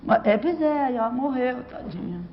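A man's voice: very high voice, expressive, normal speed. A man telling jokes in casual chat, chiming in with short interjections. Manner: chatty, reacting with short interjections. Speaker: joke teller. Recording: lo-fi with faint noise.

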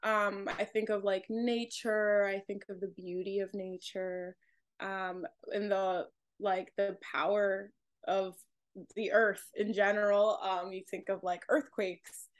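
A woman's voice: mid-range voice, flat delivery, slow. A young adult woman co-hosting a podcast, sharing thoughts in a casual, hesitant way as she searches for words. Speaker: podcast co-host. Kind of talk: casual reflective chat.

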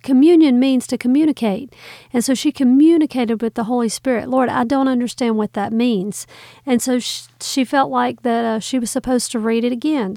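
A woman's voice: fairly high pitch, dark tone, dry recording, studio quality. A woman hosting a podcast, explaining Bible words in an earnest, teacherly way. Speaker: podcast host.

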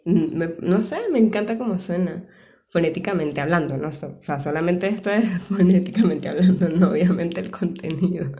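A woman's voice: lowish voice, normal speed, dark tone, muffled recording. A young Venezuelan woman, a comedian guesting on a podcast, chatting easily and laughing often. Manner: laughing, easygoing. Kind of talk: casual chat.

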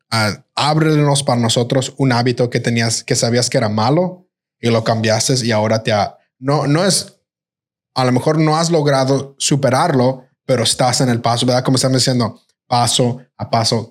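A young man interviewing his father, asking loose, rambling questions and mixing in English terms. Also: medium pitch. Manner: rambling questions, laughs along. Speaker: interviewer, son. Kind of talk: casual family conversation.

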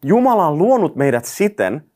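Lively Finnish-speaking male preacher. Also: a little high. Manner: lively, joking asides, reads scripture aloud. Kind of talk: sermon teaching.

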